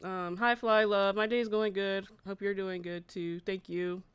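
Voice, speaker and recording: On her gaming livestream, a woman talks informally with her audience and reads news pieces aloud, reacting as she goes. Her mid-range voice shows little pitch movement and keeps a measured pace, with a clean tone.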